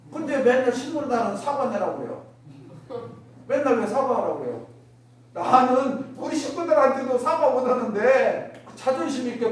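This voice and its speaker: A woman's voice: fairly high pitch, recorded from a distance. Woman preaching in an echoey hall. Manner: keeps asking the listeners rhetorical questions; acts out everyday remarks in other voices. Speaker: Won Buddhist minister. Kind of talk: dharma talk to a congregation. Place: worship hall. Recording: echoey hall, miked from afar, faint noise.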